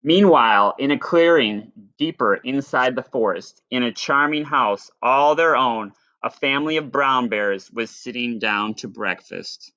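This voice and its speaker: A man reading a picture book aloud to children, expressive and playful, with dry asides. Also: medium pitch, unhurried, hardly any pauses, no room sound, dull audio. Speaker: storyteller.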